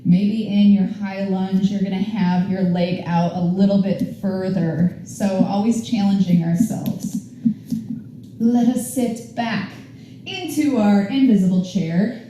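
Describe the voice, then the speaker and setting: Woman yoga teacher, slow-paced, very mellow dark tone, echoey room, faint ambience. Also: medium pitch, fairly even intonation, a little hiss or hum. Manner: encouraging, upbeat and chatty. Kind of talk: guided yoga class instruction. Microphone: camera mic at a distance.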